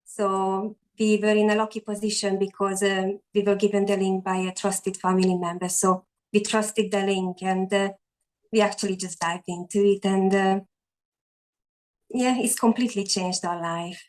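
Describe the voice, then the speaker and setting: In a casual video-call interview with low-quality sound, a Hungarian-accented online entrepreneur in her forties earnestly relates her story as the guest. She talks at normal speed in a medium pitch with a flat delivery, using many fillers and restarts.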